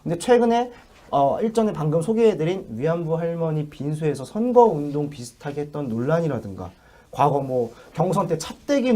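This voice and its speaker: A young adult woman on a political talk show panel, speaking in a chatty, playful way with quick reactions. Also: lowish voice, dark tone.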